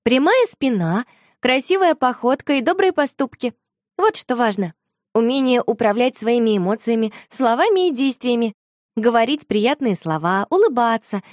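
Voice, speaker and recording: A woman voicing a polite, sensible girl who explains things softly and patiently. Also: fairly high pitch, expressive, moderate pace, dry recording, clean studio sound, pitched above the performer's own voice, close to an everyday voice.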